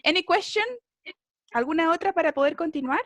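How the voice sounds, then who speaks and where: A woman's voice: very high voice, a little fast, fairly bright tone, no room sound, studio quality. A woman with a Chilean Spanish accent, teaching an English class online in a chatty way and often checking in with her students.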